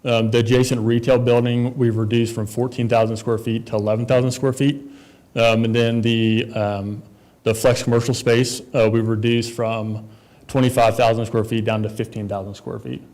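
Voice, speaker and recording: A man's voice: mid-range voice, level tone, moderate pace, a little mellow. A man presenting as a developer at a town council meeting, talking casually with many fillers and restarts.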